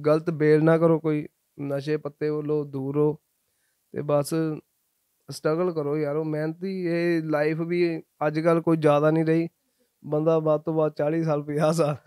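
A man's voice: a little high, level tone, normal speed, warm tone, smooth, dry recording, clean studio sound. A Punjabi-accented man, a singer, giving earnest advice in an interview, with sung passages between his answers.

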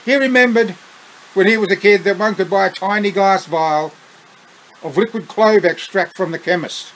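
A man with an Australian accent reading his own story aloud, unhurried, breaking off for chuckling asides. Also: high voice, fairly bright tone, poor audio.

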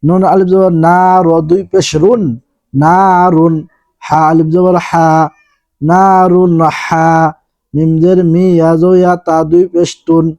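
A man teaching Quran reading in a Bangladeshi Bengali accent, spelling each word out letter by letter and stretching the recited words slowly. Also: sits high, little pitch movement, warm tone, no echo. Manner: slow, drawn-out recitation between quick explanations.

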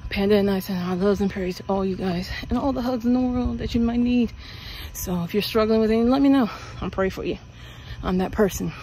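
On a casual walking vlog down a suburban street at night, a middle-aged US woman from Pennsylvania talks brisk and warm in a medium pitch, rambling with frequent fillers. The earbud-mic recording, phone held out while walking, is rough with a little hiss or hum.

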